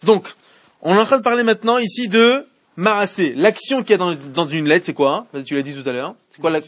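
High, husky man teaching a Torah class. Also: a little fast, a bit bright. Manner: questions the students, repeats himself, restarts. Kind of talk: Torah class in French with Hebrew readings. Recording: muffled lo-fi classroom recording.

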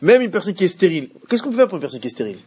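Un homme qui donne un cours de Torah de façon animée et pose des questions à ses élèves. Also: male voice, high voice, rapid-fire, slightly rough, muffled recording. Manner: animated, asks the class questions. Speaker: Torah teacher. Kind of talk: Torah class.

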